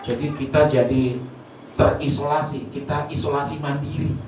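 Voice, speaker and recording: A man delivers an emotional sermon as pastor, his voice a little high and swinging from hushed to forceful as he keeps turning to the congregation. He sounds distant from the microphone in a heavily reverberant church hall. A faint hiss of noise sits under the recording. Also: steady tone, moderate pace. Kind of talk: sermon with personal testimony. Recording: very echoey hall, mic far off, faint noise.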